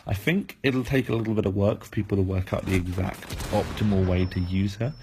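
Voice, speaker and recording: Deep, mellow-voiced man losing his voice. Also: fairly even intonation, fairly quick, a little hiss or hum. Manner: analytical, with frequent fillers and restarts. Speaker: game preview presenter. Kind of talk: game preview commentary.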